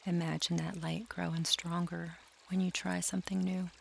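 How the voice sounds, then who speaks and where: Male meditation guide: slow, soft, gravelly voice, little pitch movement, calm scripted delivery. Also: slight background noise. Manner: slow, soft and soothing, drifting into near-whispers.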